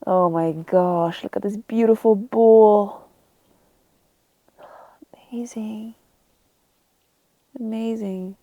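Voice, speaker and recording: A woman in her thirties vlogging casually outdoors on her mountain land, enthusiastic and quick to laugh. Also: mid-range voice, dry recording, dull audio. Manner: enthusiastic, easily excited, laughing. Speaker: travel vlogger. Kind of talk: casual vlog narration.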